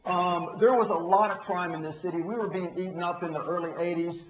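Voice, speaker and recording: A man with a drawl tells a case story to a room of prosecutors, tossing out rhetorical questions as he goes. His voice sits fairly high. The sound is roomy and a bit dull. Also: fairly even intonation, fairly quick, a little hiss or hum. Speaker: ethics trainer. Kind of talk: training talk to prosecutors.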